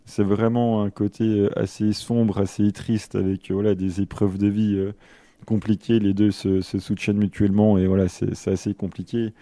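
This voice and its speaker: A man co-hosting a casual podcast, teasing his partner playfully and talking in halting bursts. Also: on the low side, flat delivery, mellow, no room sound. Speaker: podcast co-host.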